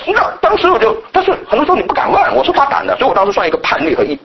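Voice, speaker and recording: A middle-aged man from mainland China preaching a sermon, animated and mimicking scolding elders. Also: extremely high pitch, racing, muffled recording, noisy background. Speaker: pastor.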